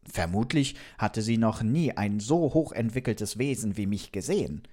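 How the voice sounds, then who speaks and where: Speaking at a moderate pace in a fairly low voice, a man plays a friendly, curious robot from another planet. He tells a children's story in a lively way, talking straight to the kids and asking them questions.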